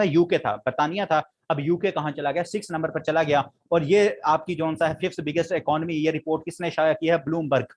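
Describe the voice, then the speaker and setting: A man with a Pakistani Urdu accent teaching a current affairs lesson for exam prep. He repeats key facts and quizzes his students as he goes. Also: fairly high pitch.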